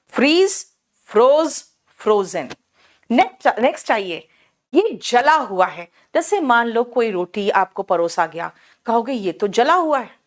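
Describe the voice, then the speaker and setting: An Indian woman teaching English in a live online class, speaking slowly and deliberately in a slightly high voice. She drills each word by repeating it and calls on students by name.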